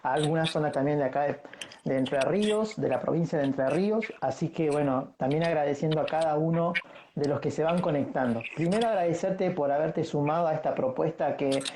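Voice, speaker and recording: A man with an Argentine Spanish accent hosts a casual livestream interview. He talks in a friendly, unhurried way and leans on many fillers as he welcomes his viewers. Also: a little high, noisy background. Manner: friendly, slow-paced, filler-heavy. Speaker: livestream host.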